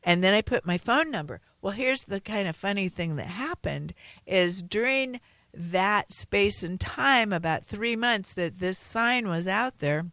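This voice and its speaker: A woman's voice: mid-range voice, lively intonation, measured pace, fairly bright tone, dry recording. A middle-aged woman hosting a radio talk show, speaking in an earnest, encouraging, chatty way as she teaches and tells stories. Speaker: radio show host, holistic healer.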